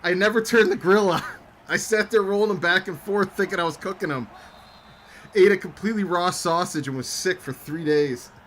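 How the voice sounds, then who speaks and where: Young male co-host, bright and slightly high, rambling casual storyteller. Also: normal speed, slight background noise. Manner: rambling anecdotal storyteller, reads chat aloud. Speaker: co-host of a game-sim stream. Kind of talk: casual chat over a simulated football game.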